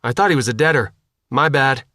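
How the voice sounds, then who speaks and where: A man's voice: mid-range voice, a little fast, sharp tone, no echo, studio quality, lightly acted. A man voicing a tough young woman soldier who gives clipped, commanding radio calls. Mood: urgent.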